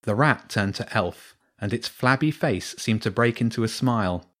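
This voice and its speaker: A man narrating a children's storybook in a steady, clear reading voice. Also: on the low side, normal speed.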